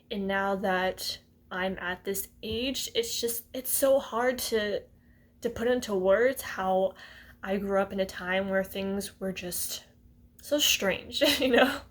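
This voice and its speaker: A woman in her twenties talking casually to her viewers, hesitant and rambling, often breaking into small laughs. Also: mid-range voice. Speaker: vlogger. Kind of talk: casual talk to camera.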